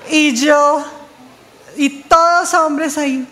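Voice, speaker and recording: A woman preaching a sermon, telling a personal testimony in an animated way. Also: sits high, drawn-out words, big-room sound, slight background noise, low-quality recording. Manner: animated storytelling, quoting others, laughing at herself.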